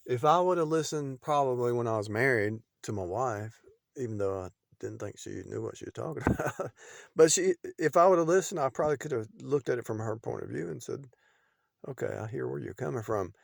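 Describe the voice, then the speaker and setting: A middle-aged man talking in an unscripted, rambling preaching monologue, repeating phrases and restarting sentences, often dropping in loudness. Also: mid-range voice, expressive, a little fast, creaky, no echo, clean studio sound.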